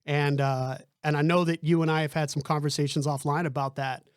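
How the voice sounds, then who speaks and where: A man's voice: fairly high pitch, little pitch movement, brisk, clear, resonant tone, no echo, studio quality. A man hosting a podcast, talking casually and often checking in with "right?". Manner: chatty, lots of fillers and "right?". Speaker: podcast host.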